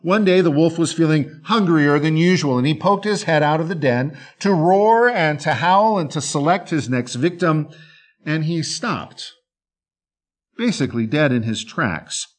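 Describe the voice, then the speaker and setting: A man narrating a dark fable with drawn-out dramatic pauses. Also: fairly high pitch. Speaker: storyteller.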